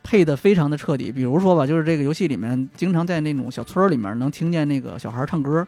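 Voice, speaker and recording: Raspy fast-talking man, gaming chat. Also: on the high side, faint music behind. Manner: excitable, swears freely, steers discussion.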